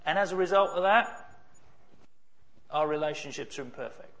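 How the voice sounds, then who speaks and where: A man delivering a sermon with a fairly high voice. He talks conversationally, tosses out rhetorical questions and dry asides. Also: moderate pace, a bit bright. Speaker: pastor.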